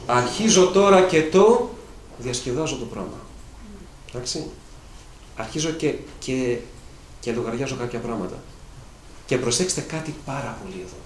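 A man preaching a sermon with emphatic delivery, swinging between loud, drawn-out declamation and quiet asides. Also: medium pitch, expressive. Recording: echoey room with faint ambient noise.

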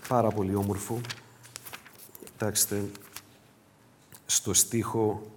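A man preaching a sermon as pastor, moving between loud emphatic exhortation and quiet asides in a repetitive cadence. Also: lowish voice, flat delivery, a little hiss or hum.

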